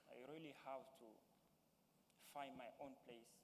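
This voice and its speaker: A young adult man from Mali serves as a youth panelist at a town hall, giving halting personal testimony in English with a Malian accent while searching for words. His voice is mid-range and steady, echoing through a large, reverberant hall with faint noise.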